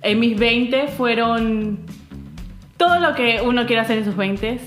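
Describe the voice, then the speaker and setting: A woman's voice: fairly high pitch, slow, echoey room, soft background music. A woman in her thirties from Peru, talking openly as an interview guest, with frequent fillers and restarts. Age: 30s. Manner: candid and open, with many fillers and restarts. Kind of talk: casual interview chat.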